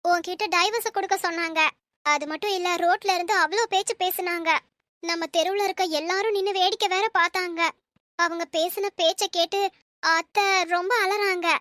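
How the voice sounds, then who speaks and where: A worried young daughter-in-law. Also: female voice, very high voice, a bit bright, no echo, studio quality. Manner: concerned, explaining on the phone.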